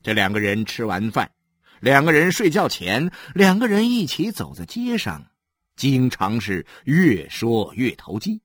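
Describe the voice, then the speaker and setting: A man narrating a novel aloud in an animated storytelling manner. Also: mid-range voice, measured pace, no room sound, clean studio sound. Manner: animated storytelling, many voices. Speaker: audiobook narrator. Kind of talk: expressive literary narration.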